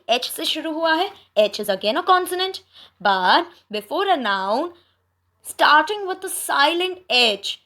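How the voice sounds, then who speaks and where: A young Indian woman teaches grammar in a high, animated voice that swoops up and down. She speaks at a slow, careful pace, moving between Hindi and English. She talks directly to her students and checks often that they are following. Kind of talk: online grammar lesson.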